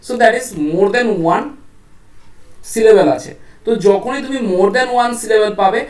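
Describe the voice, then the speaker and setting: A woman's voice: medium pitch, a little mellow, distant mic. A woman with a Bengali accent teaching an English grammar lesson, explaining rules step by step and asking her students questions as she goes. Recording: echoey room, voice off mic.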